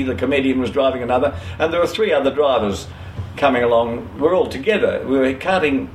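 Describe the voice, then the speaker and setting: An older Australian man telling a long anecdote for an oral history interview, rambling with many "you know"s and self-corrections. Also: medium pitch. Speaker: interviewee, former trucking company owner. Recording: roomy echo, faint ambient noise.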